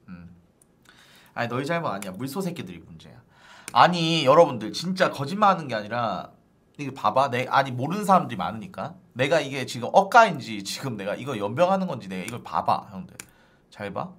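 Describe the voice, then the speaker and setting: A man's voice: medium pitch, big pitch swings, a little fast, fairly bright tone. A male streamer ranting to his viewers in casual live-stream chat, exasperated and starting lines over and over. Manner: exasperated, ranting, repeats "아니" constantly.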